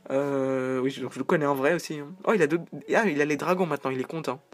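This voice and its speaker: A man's voice: fairly high pitch, quick pace. A man giving casual, joking commentary over a video game, rambling into side remarks. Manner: chatty, joking, rambling asides.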